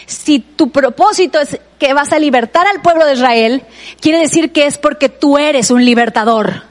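A woman preacher with a Mexican Spanish accent delivers a sermon. Her voice sits high, and she talks to the congregation as if in conversation, with frequent asides addressed straight to the listener. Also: moderate pace.

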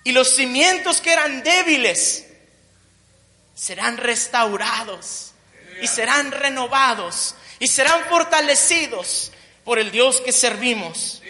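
A woman's voice: sits high, pushed and bright. A woman preaching a sermon, building emphatic repeated phrases and tossing in joking asides. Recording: long reverb of a large hall.

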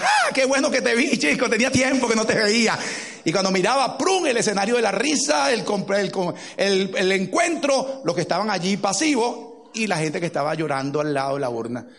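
A middle-aged man preaching a sermon as a pastor, telling stories with lively acted-out quotes. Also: high voice. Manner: animated storytelling with acted-out quotes.

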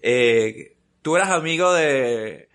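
A man's voice: medium pitch, animated, slow, a bit bright. A middle-aged man hosts a casual podcast interview, chatting freely, repeating himself and often checking with short tag questions. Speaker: podcast host.

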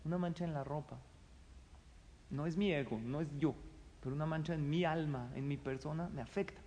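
A middle-aged man with a Mexican accent speaks in a fairly high voice, talking his listeners through everyday advice. He acts out little quoted exchanges with lively energy. His voice carries a long, hall-like reverb. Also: brisk. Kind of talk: conversational advice talk.

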